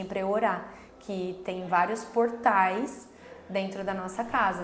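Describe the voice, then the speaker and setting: A Brazilian woman in her thirties telling a faith story about her son in an earnest, slow, casual way, full of little filler tags. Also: mid-range voice. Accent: Brazilian Portuguese. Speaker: mother sharing a faith story. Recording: echoey room with faint background noise.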